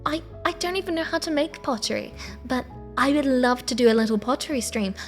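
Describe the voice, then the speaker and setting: A woman streamer chatting casually in a sleepy, soft, meandering way. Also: high-pitched, lively intonation, a little fast. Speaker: live streamer. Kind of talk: casual rambling livestream chat. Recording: soft background music. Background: quiet background music.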